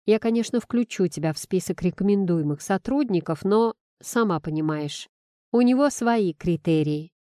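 A woman's voice: medium pitch, lively intonation, moderate pace, dark tone, no echo, natural voice. A woman voicing a stern but fond middle-aged male boss who talks in a dry, teasing way and sighs a lot. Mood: wry.

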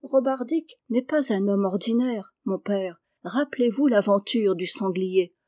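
A woman's voice: medium pitch, a little slow, warm tone, no room sound, studio quality, close to an everyday voice. A woman reading aloud voices a young noblewoman, pleading and emotional. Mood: insistent.

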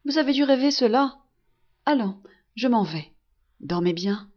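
A woman reading a gentle young nurse. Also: on the high side, expressive, unhurried, muffled recording. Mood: coaxing. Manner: soft, coaxing, reassuring. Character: gentle young woman nursing a sick friend.

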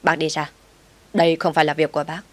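A woman's voice: low voice, flat delivery, fast talker, no room sound, lightly acted. A woman reading the lines of a cold, domineering young husband in a storybook drama, harsh and commanding.

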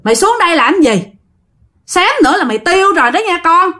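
A woman voicing a stern but loving old grandfather spirit who scolds gruffly and affectionately. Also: very high voice, animated, a little fast, pushed and bright, voice pushed up, heavily acted.

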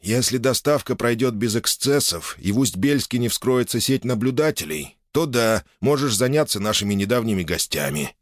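Guy doing a gruff old boyar boss, bossy and menacing, pitch jumps around a lot. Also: animated, moderate pace, few pauses, no room sound, clean studio sound, natural voice. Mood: threatening. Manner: commanding, menacing. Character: stern older male boyar, head of clan.

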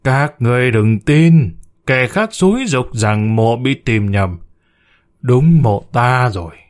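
A man voicing a stern male ancestral spirit who speaks through a medium, slow, solemn and commanding. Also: mid-range voice, animated.

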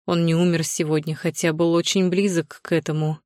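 A woman voicing an unruffled young male bodyguard who speaks slowly and evenly. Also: lowish voice, level tone, a little mellow, no room sound, clean studio sound, close to an everyday voice. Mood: cold calm. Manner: unruffled, measured.

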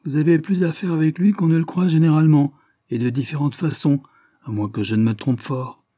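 A man reading an audiobook, voicing a stern gentleman who issues emphatic warnings. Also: mid-range voice, moderate pace, slightly rough, no echo, clean studio sound, natural voice. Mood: pointed. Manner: threatening, emphatic. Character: stern, forthright young gentleman.

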